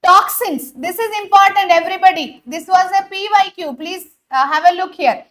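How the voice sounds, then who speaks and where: A woman's voice: extremely high pitch, extremely slow, a bit bright. A woman with a Telugu accent teaching a live online biology class, mixing English with Telugu and often saying "okay" and "uh". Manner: mixes English and Telugu, repeats 'okay', frequent 'uh' fillers.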